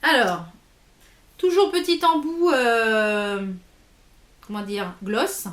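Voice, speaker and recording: A woman's voice: on the high side, sing-song, slow, a bit bright, roomy sound. A woman chatting casually through a beauty haul, with many fillers and restarts. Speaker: beauty vlogger. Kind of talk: casual haul video chat.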